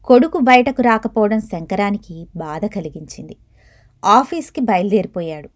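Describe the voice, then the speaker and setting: A woman narrating a short story in a steady, even reading voice. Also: medium pitch, normal speed.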